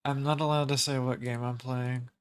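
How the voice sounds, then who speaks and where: Deadpan, joking male podcast co-host. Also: medium pitch, a little hiss or hum. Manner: jokey, deadpan, many quick affirmations. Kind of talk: casual chat.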